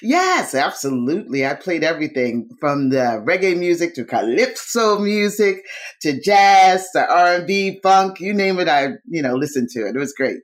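A woman's voice: sits low, big pitch swings, normal speed. A woman from New York, a dancer, talking as an interview guest in an effusive, rambling way with many fillers. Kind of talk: casual conversation.

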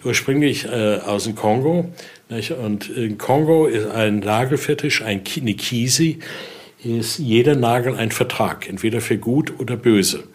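An older man, a researcher, talks conversationally about items in a collection, speaking German with non-native grammar slips and frequently tagging questions onto the ends of sentences. His pitch is medium and his pace unhurried.

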